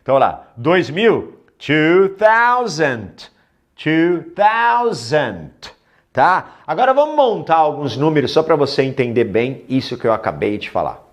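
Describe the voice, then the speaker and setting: A male English teacher with a Brazilian Portuguese accent, his pitch swinging widely as he speaks. He drills each word slowly and clearly, then slips in a light joke for his learners. His tone is animated and full of movement, a classroom voice. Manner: lively, repeats words slowly for drill, jokes with learners. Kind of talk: recorded English lesson.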